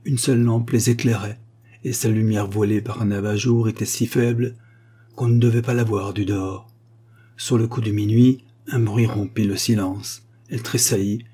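A man reading a short story aloud in a steady, even storytelling manner. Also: fairly low pitch, moderate pace, husky. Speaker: audiobook narrator.

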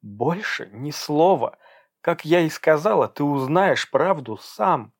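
A man reading an audiobook, voicing a distraught, defiant young woman in a shrill, agitated tone. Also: expressive, takes it slowly, heavily acted. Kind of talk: audiobook character voice.

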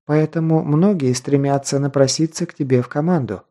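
A man reading an audiobook, voicing a proud but sheltered young noble girl in a raised, softened voice. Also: fairly high pitch, brisk, lightly acted.

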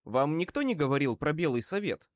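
A man reading an audiobook as a male wizard private eye who speaks wryly and with calm menace. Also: a little high, brisk, dry recording. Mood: wry, cool. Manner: wry, calmly threatening.

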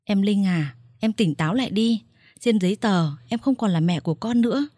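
Brief: woman doing a calm, icy wife, polite and firm, husky warm voice. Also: medium pitch, normal speed, no echo, studio quality, close to an everyday voice. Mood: cool. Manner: composed, icily polite. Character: calm, coolly triumphant wife.

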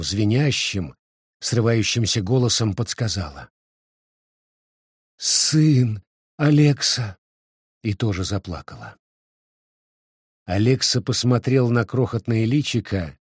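Slow, husky male storyteller. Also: on the low side, darkish tone, no echo, clean studio sound. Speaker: reader. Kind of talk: reading fiction aloud.

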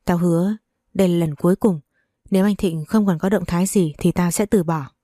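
A manipulative young woman who turns from biting to pleading, read by a woman narrator. The voice sits low and mellow. The sound is dry and close, like a storybook audio reading. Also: fairly even intonation, brisk, no room sound, close to an everyday voice. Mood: bitter, scheming.

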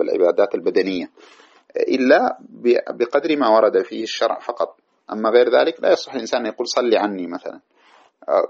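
In a dull lo-fi recording from a lecture hall with microphones, a man with a medium-pitched, gravelly, slightly rough and a little mellow voice teaches Islamic jurisprudence. He reads passages aloud from a text and then explains them at length.

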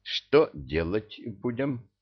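A man voicing a gruff, decisive father who gives orders in an audiobook. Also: lowish voice, big pitch swings, slow, muffled recording, heavily acted. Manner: gruff, commanding.

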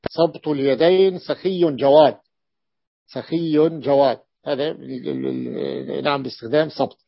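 A man with a raised, gravelly voice gives a classroom lecture on word patterns. He repeats each example slowly and stops to ask his students whether they follow. The recording is dull and dry, like a lo-fi lesson tape. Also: a little high, no room sound. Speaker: teacher of Arabic morphology.

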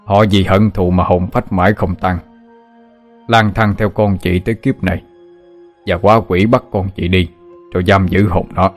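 A man voicing a calm, authoritative older exorcist who speaks in a measured way. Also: sits low, faint music behind, natural voice.

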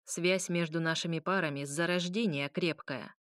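A woman's voice: on the low side, steady tone, normal speed, a bit bright, dry recording, natural voice. Casting: woman reading a smug male demon marquis, centuries old, mocking and lordly, dry close sound.

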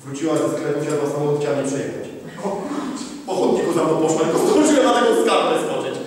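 A man preaching in a big, echoing hall, heard from some distance. His voice sits fairly high, and he swings from loud, shouted peaks to low, quiet asides. A faint hum of ambient noise runs underneath. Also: animated, fast talker. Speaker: street preacher. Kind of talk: sermon. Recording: echoey hall, far from the mic.

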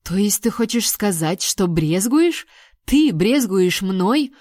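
A woman reading an audiobook, voicing a sharp-tongued young woman held captive who scolds her captor sarcastically. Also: medium pitch, animated, normal speed, dry recording, studio quality, lightly acted. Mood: indignant.

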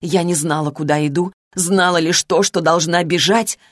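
Woman narrator for a first-person novel, low voice, dry studio, steady measured delivery. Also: no room sound. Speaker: audiobook narrator.

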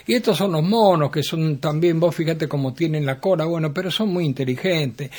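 Lecturing mother done by a man, prim, Argentine accent, husky. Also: a little high, fairly quick, a little mellow, lightly acted.

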